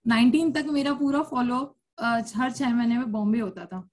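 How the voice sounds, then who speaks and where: A woman's voice: a little high, normal speed, a little mellow. A woman in her thirties from India, telling her own story at a support circle in a room with an audience, in a candid, chatty way with frequent laughter. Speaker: cancer survivor sharing her story. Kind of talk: personal testimony at a support circle.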